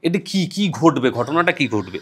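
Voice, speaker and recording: A man's voice: on the high side, very animated, normal speed, breathy edge. A man with a Kolkata Bengali accent hosting a podcast, giving brief prompts and listening murmurs. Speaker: podcast host. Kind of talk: casual podcast interview.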